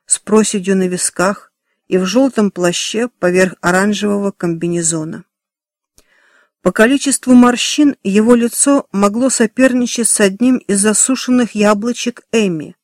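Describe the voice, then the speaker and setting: A man narrating a children's novel in a steady, expressive storytelling manner. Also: high voice, no room sound, studio quality. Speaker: audiobook narrator. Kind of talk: scripted narration.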